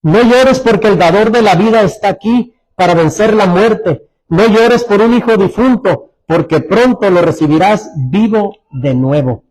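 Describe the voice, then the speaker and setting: High-voiced male pastor preaching. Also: low-quality recording. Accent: Mexican Spanish. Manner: preaching with sudden drops to soft, low tones; repeats phrases, restarts words. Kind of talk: sermon.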